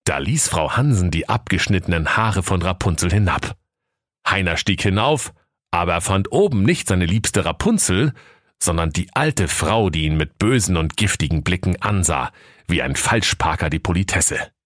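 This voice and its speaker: A man with a northern German accent narrating a comic fairy tale in a lively, playful way. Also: low-pitched, normal speed, no room sound, studio quality. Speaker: storyteller.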